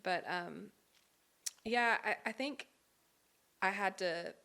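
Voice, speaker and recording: A woman's voice: medium pitch, slow pace, vocal fry, sharp tone. A young pregnant woman, a singer, answering interview questions openly and thoughtfully, a little out of breath. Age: young adult. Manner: open, thoughtful, light laughs, many ums. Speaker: guest, singer. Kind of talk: interview conversation.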